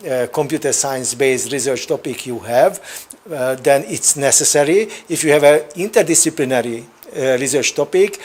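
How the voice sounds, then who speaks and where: A man hosting an online open day, reading and answering a question with frequent fillers before he introduces the next speaker. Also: medium pitch. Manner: hesitant, with many fillers. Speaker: host. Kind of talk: moderating an online Q&A.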